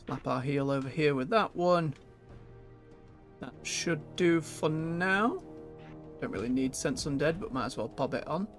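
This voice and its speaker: A man's voice: a little high, lively intonation, a little slow, soft background music. A man giving casual gameplay commentary as a streamer, chatty and muttering to himself as he goes. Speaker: video game streamer.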